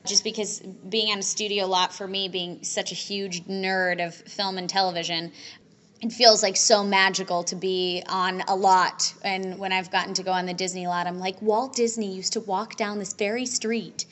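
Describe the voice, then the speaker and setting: A woman's voice: mid-range voice, little pitch movement, a bit bright. A young adult woman, an actress, chatting upbeat in a casual convention interview. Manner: chatty, upbeat, quick restarts. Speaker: voice and screen actress, interview guest.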